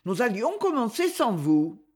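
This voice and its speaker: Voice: mid-range voice, very animated, unhurried, breathy edge, pitched above the performer's own voice. A reader voicing a cheerful, enthusiastic young noblewoman.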